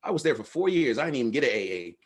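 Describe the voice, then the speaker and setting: Husky man telling candid stories. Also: medium pitch, big pitch swings, rapid-fire. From Los Angeles. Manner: candid, slangy storytelling with swearing. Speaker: guest speaker and researcher. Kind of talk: casual talk with audience Q&A.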